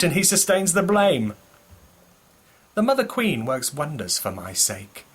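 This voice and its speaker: Man acting as husky, ruthless Duke of Guise. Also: medium pitch, fairly bright tone, exaggerated voice. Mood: contemptuous, boastful. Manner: declamatory, grandiose, emphatic. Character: ambitious, ruthless French duke scheming for the crown. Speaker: actor. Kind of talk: theatrical Elizabethan blank-verse monologue.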